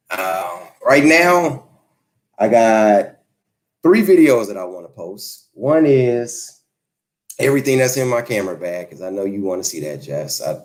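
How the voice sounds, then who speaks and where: A relaxed man in his forties talks to his live audience in a lowish voice. His pitch jumps up and down a lot as he rambles easygoing and friendly. He answers comments off the cuff on a home livestream. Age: 40s. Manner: easygoing, rambling, laid-back. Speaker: YouTube creator hosting a livestream. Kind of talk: casual livestream chat reading comments. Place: home, Los Angeles.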